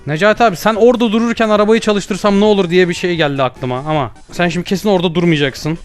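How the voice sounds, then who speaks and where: Young man, high voice, rapid-fire talk, comedic game commentary, faint music underneath. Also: clean tone. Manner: excitable, jokey, loud outbursts. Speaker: gaming YouTuber.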